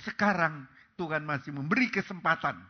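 Pastor, male, dramatic sermon delivery with big volume swings, somewhat high voice, dull recording. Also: moderate pace, breathy edge. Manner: preaching with sweeping shifts between loud calls and soft low phrases.

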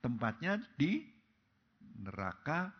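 A man preaching a sermon, swinging between loud calls and soft, low phrases. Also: very animated, slow, breathy edge. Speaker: pastor. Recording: dull lo-fi recording.

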